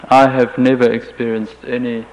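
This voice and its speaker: A faint hiss runs under this dull lo-fi tape of a man with a German accent, German being his mother tongue. His mid-range voice is flat and a little mellow as he works through interview questions with careful hesitation and many restarts.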